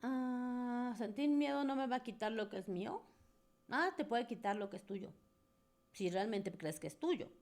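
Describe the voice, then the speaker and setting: A woman's voice: fairly high pitch, lively intonation, a little slow, darkish tone. A woman, a spiritual coach answering questions from a group in an earnest, coaxing, conversational way. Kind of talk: live Q&A talk to a group.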